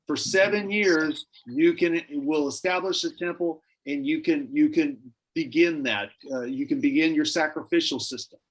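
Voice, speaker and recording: A man's voice: a little high, normal speed, hardly any pauses, low-quality recording. Man teaching a Bible study, conversational. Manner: conversational, speculative, many restarts. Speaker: pastor.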